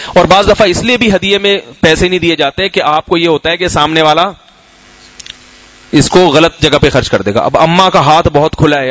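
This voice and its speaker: Middle-aged male scholar, raised pitch, relaxed storytelling sermon, dry close-miked sound. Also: dry recording, poor audio. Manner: conversational, anecdotal, asks the audience questions. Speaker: Islamic scholar. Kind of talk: sermon and Q&A talk.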